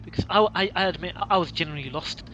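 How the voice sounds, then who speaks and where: A man from hosts a casual chat. He talks quickly and chattily in a somewhat high voice. Heavy noise runs under the whole recording. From Bradford, England. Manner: chatty, asks questions, repeats words. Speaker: podcast host. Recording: loud background noise.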